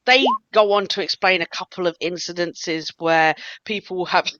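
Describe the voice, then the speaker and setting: A woman's voice: lowish voice, a bit bright, no room sound, highs cut off. Woman running a tabletop game. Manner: laughing, halting, lots of fillers. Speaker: game master.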